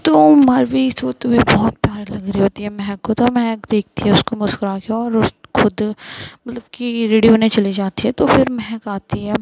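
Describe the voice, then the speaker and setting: A woman's voice: fairly high pitch, moderate pace, gravelly, a little mellow, no echo, rough recording. A young woman casually narrating a story and acting out its dialogue, with many fillers. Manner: chatty, many fillers like "matlab".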